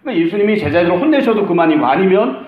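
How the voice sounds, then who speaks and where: A man's voice: high voice, expressive, racing, roomy sound, lo-fi sound. A middle-aged male pastor preaching a conversational sermon, acting out the lines he quotes.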